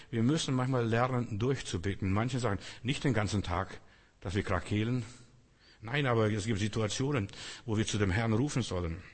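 A male preacher delivering a sermon, emphatic and repetitive, swinging between loud calls and quieter asides. His voice is husky. It rings out in a hall with a long reverb. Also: mid-range voice.

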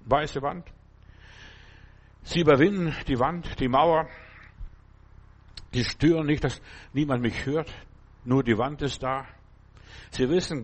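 A man preaching a fervent sermon, repeating phrases and swinging between loud cries and low murmurs.

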